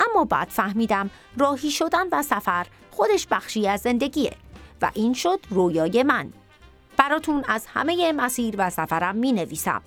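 A woman's voice: on the high side, fairly bright tone. A woman voicing the soil in a children's story, reading a heartfelt farewell letter.

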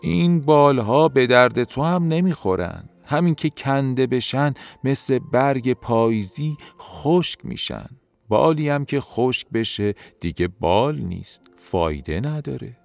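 A man voicing a calm, wise magical snail who speaks patiently and gently. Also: mid-range voice, creaky, faint music behind, voice pushed up.

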